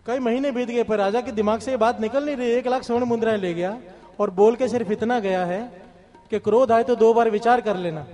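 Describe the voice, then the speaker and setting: A man's voice: high-pitched, mellow. A man giving a devotional sermon, telling a parable and calling on the congregation to respond. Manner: storytelling with call-and-response to the congregation. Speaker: satsang speaker. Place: temple hall with instrumental music.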